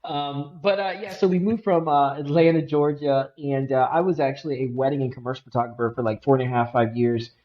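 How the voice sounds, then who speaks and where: A man's voice: medium pitch, brisk, hardly any pauses. Earnest, chatty man with muffled audio. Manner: energetic, earnest, lots of fillers like "like" and "uh". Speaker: podcast co-host. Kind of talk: casual podcast storytelling.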